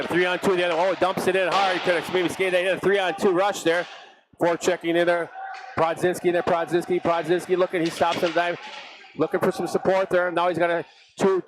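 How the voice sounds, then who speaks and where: Excitable high-voiced hockey announcer man. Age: middle-aged. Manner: rapid, excitable calls that jump high on big saves. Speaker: play-by-play announcer. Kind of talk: live hockey play-by-play commentary. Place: ice arena broadcast booth. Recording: noisy arena stream.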